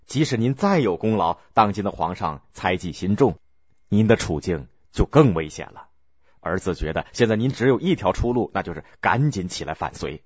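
A man's voice: deep voice, animated, moderate pace, slightly rough, dry recording. Earnest young prince, read by a male narrator, dull lo-fi sound. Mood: persuasive. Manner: earnest, persuasive. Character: young male prince urging his father to revolt. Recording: dull lo-fi recording.

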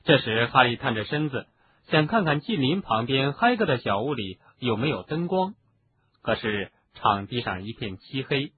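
Man, audiobook narrator, expressive, animated pitch, phone-like narrow sound. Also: moderate pace. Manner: expressive, doing voices for each character. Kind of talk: storybook narration.

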